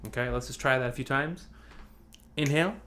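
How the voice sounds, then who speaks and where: With a mid-range voice, a sharp tone and a slightly fast pace, a man teaches breath support in an online singing class. He rambles and restarts often, breaking off to demonstrate sighs and sung examples. A little hiss or hum runs under the video-call audio.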